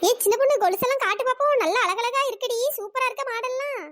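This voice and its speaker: A squeaky haggling village auntie. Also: female voice, fast, a bit bright, dry recording, studio quality. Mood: chatty. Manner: chatty, haggling, easily offended. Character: plump village woman customer, bargaining, touchy. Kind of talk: cartoon voice acting.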